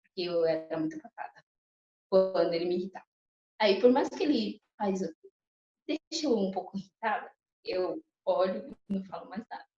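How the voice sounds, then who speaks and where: A young woman gives a personal testimony to a church group, telling her story in a lively, emotional way and often turning to the audience. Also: medium pitch, normal speed. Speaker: testimony speaker at a church couples' course. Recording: echoey, slightly muffled hall recording.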